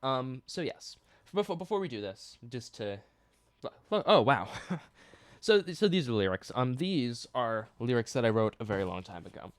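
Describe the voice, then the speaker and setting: A man's voice: mid-range voice, lively intonation, moderate pace, no echo, clean studio sound. A singer-songwriter man casually breaking down his own songs, rambling and cutting himself off as he plays keyboard and guitar. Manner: rambling, self-interrupting, laughs at himself; stops and restarts to play keyboard and guitar.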